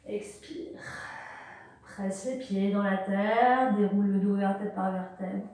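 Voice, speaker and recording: A woman teaching a yoga and movement class, giving slow, calm cues to breathe in and out. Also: medium pitch. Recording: very echoey room, far from the mic.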